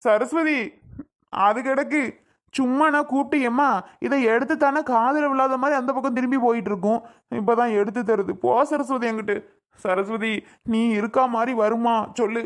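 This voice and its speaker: In Tamil cartoon voice acting, a woman with a fairly high, fairly even voice plays an emotional elderly father pleading with his wife. She speaks at a normal pace in a natural voice, affectionately repeating the wife's name again and again.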